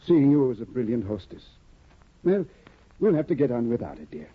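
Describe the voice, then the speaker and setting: A man with a mid-range, husky voice, very animated and brisk, plays a fussy, anxious young scholar husband in a 1950s radio drama. He's flustered, stammering and eager. The audio sounds like a tinny old radio broadcast.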